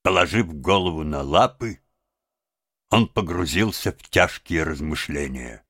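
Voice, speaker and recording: A man narrating a children's storybook in a measured, expressive way. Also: extremely low pitch, no echo, clean studio sound. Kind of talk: audiobook narration.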